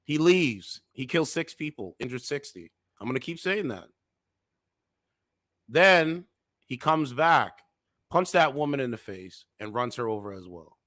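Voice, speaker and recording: This is a man in his thirties doing reaction commentary on his channel. His talk is heated and preachy, and he breaks into loud outbursts. His voice sits at a middle pitch and sounds close and dry, with no room in it. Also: lively intonation, unhurried, pauses often, no echo. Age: 30s.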